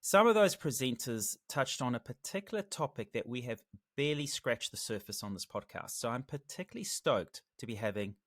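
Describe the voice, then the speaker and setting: A man's voice: medium pitch, expressive, fairly quick, a bit bright, no echo, studio quality. A man co-hosting a podcast, introducing a guest in an upbeat conversational way. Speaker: podcast co-host. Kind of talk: conversational interviewing.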